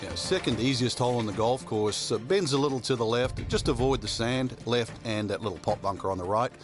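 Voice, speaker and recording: A man's voice: medium pitch, a little fast, close to an everyday voice. Actor as male golf commentator, analyst role, faint music. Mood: composed. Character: male golf analyst explaining holes and hazards.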